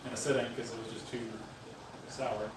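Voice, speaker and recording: Hesitant band member in an echoey room. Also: male voice, mid-range voice, level tone, fairly quick, far from the mic. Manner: hesitant, many fillers. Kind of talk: casual livestream chat. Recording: roomy echo, off-mic, noise.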